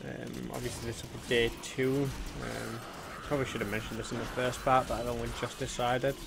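Gravelly man narrating gameplay. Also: mid-range voice, flat delivery, fairly quick. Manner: chatty, talks to viewers while playing, frequent ums. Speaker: gaming video host. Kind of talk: casual let's-play commentary. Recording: noticeable background noise.

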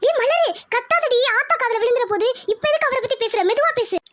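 A woman voicing a shy, anxious young village woman in love, talking in a hushed, worried way. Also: very high voice, brisk, noisy background.

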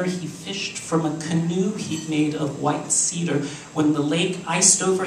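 A man reads a literary story aloud at a live cafe show, taking it at a very slow, measured pace with the odd stumble. His voice comes from a distance off the mic, carried by a roomy echo with faint background ambience behind it. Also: a little high, a little hiss or hum. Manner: measured, deliberate reading with occasional slips. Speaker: reader.

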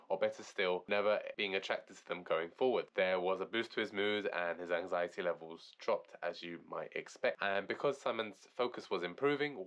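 An English man with a cold, sounding congested and nasal, casually summarizing a book he likes with some rambling restarts. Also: sits low. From England. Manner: relaxed, rambling, with fillers and restarts. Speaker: book reviewer.

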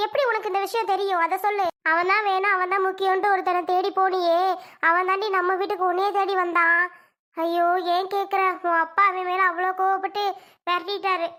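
A performer playing every part of a home family drama, one after another, in a scolding, quick back-and-forth way. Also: very high voice, pushed and bright. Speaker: performer voicing every role in a family sketch.

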